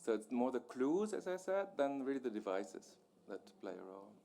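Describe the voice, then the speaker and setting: A man's voice: medium pitch, sing-song, brisk, creaky, warm tone, a little hiss or hum. A man answering questions on a panel, explaining at length with many restarts and fillers.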